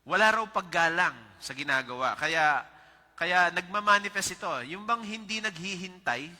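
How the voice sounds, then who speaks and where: A man's voice: high voice, normal speed, sharp tone. A Filipino man preaching a conversational sermon as pastor, mixing in English and chuckling as he tells stories. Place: church sanctuary. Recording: church hall reverb.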